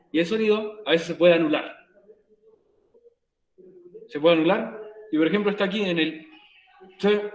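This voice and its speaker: A Chilean male teacher guiding students through English grammar, repeating each word and question. His voice sits on the high side for a man. The room around him rings with a noticeable echo. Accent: Chilean Spanish. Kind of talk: recorded virtual class, explaining grammar in Spanish.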